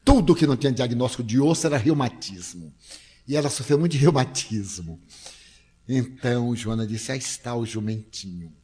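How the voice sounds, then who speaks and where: A man's voice: mid-range voice, lively intonation, normal speed, mellow, breathy edge. An older man with a Brazilian accent giving an emotional storytelling lecture on stage. He speaks dramatically and acts out the people he quotes. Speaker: spiritist lecturer. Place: stage before an audience.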